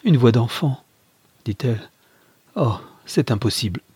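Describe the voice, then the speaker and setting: A man's voice: medium pitch, animated, a little slow, a little mellow, breathy edge, no echo. A man reading aloud voices an impassioned young mother, torn between her lover and her child, with a pleading, breathless manner.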